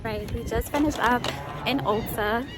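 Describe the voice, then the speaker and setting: Music plays beneath a young Queens woman with a New York accent as she vlogs her errands, rambling chattily to her followers on a shop-along. Her voice leans high and her pace is a little slow. The recording is rough.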